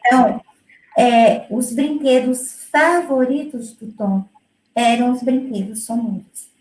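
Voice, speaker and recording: High-voiced woman explaining her music teaching. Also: slow, darkish tone, roomy sound, low-quality recording. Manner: explanatory, with many fillers and restarts. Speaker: music educator presenting her work. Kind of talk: conversational presentation.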